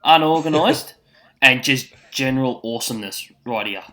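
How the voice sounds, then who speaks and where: Man, Australian accent, blokey tradesman slang, punchy bright voice, casual podcast banter. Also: mid-range voice, normal speed. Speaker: podcast co-host. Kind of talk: casual chat with mates.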